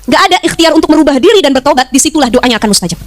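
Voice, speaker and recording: A middle-aged woman preacher gives a lively religious talk to a women's group, acting out quoted voices in a chatty, animated way. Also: high voice, very fast. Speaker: female Islamic preacher.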